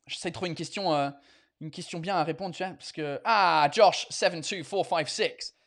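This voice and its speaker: A man's voice: on the high side, moderate pace, gravelly, a bit bright. Swearing bilingual comedian host, man. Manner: mixes French and English, swears freely. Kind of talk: casual bilingual live chat.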